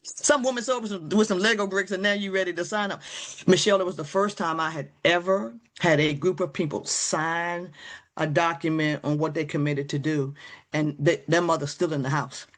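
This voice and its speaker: A middle-aged woman telling stories in a podcast conversation, lively, acting out other people's voices and laughing often. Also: sits low, normal speed. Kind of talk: animated storytelling in a podcast chat.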